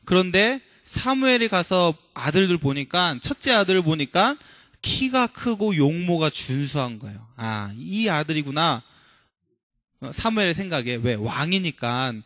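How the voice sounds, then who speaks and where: A male preacher giving a sermon in a church, talking to the congregation with frequent questions and slowing down for emphatic scripture quotes. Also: a little high, fairly bright tone, no echo, studio quality.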